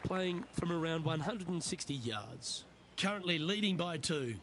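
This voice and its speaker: Guy doing golf commentary, kinda high voice, measured short lines, noisy outdoor crowd in back. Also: fairly bright tone. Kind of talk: live golf play-by-play commentary.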